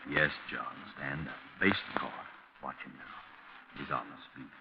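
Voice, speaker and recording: A man playing a sinister, all-knowing mystery narrator in 1940s radio style, ominous and mocking, with theatrical pauses on an old recording. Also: very deep voice, lively intonation, highs cut off, background noise. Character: the Whistler, sinister all-knowing male narrator of night tales. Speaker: narrator host.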